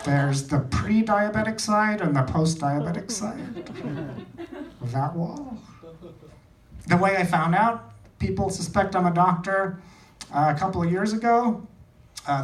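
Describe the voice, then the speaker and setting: On stage before a crowd in a small comedy club, an Indian comedian speaks in a high-sitting voice at a measured pace, firing off short, dry, self-deprecating lines. The mic is distant, the room echoes, and the noise is loud.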